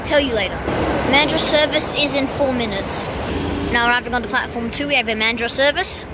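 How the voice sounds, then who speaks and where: A woman with a slightly high voice talks fairly quickly as she does train-spotting vlog commentary from a platform, calling out arrivals and departures like an announcer and tossing in casual asides. Loud train and platform noise fill the recording, with trains, vehicles and outdoor station ambience behind her.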